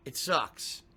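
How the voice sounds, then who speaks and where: Hoarse and congested with a cold, a man with a high, sharp voice chats casually to his viewers ahead of a game stream. He grumbles and rants, clearing his throat often.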